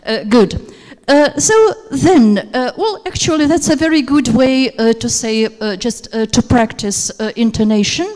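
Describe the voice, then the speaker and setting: Woman teacher, lots of uhs, mellow voice, echoey hall. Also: a little high, lively intonation, unhurried, few pauses. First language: Russian. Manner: hesitant, many fillers. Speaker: teacher trainer. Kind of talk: workshop lecture. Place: seminar room. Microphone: handheld microphone. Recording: hall reverb.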